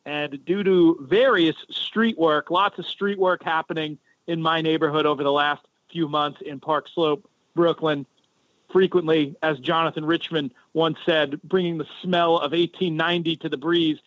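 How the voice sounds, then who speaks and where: A man's voice: a little high, steady tone, moderate pace, fairly bright tone, no echo. A man hosting a podcast in casual, rambling chat, recorded through a cell phone held to his head so he sounds tinny. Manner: chatty, rambling. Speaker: podcast host. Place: home in a city neighborhood.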